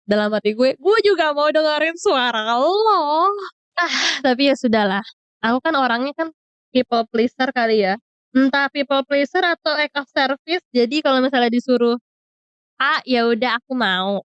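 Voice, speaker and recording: A woman's voice: high voice, moderate pace, clean tone, no echo. A young woman telling a storytime in casual, slang-heavy chat, mixing English words in. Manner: chatty, mixes English into slang-heavy Jakarta speech. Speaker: vlogger.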